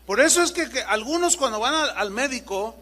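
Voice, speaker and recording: A man preaching in a high, bright voice that rises and falls with great animation. He throws out rhetorical questions and slips into little acted-out exchanges. His voice rings with the long reverb of a church hall. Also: brisk. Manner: lively, acts out little dialogues, rhetorical questions. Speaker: pastor. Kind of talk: sermon.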